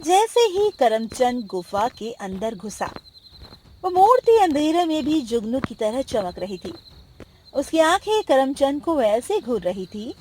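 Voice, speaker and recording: A woman narrating a cartoon moral story in a dramatic, expressive way. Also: sits high, measured pace, a little hiss or hum.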